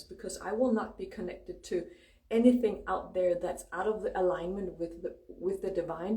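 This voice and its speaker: A woman's voice: medium pitch, dark tone. A woman with a Danish accent, a native Danish speaker, giving a casual spiritual talk as host, informal and emphatic with free swearing. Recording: roomy echo, distant microphone.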